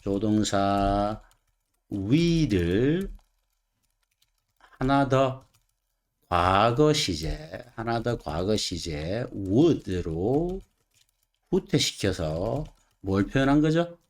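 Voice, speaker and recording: A male English teacher talks through textbook sentences line by line, his pitch rising and falling in a lively way. He keeps stopping to ask the viewer questions before giving the answer. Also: extremely slow, long pauses. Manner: asks the viewer rhetorical questions. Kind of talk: explaining textbook sentences in a lecture.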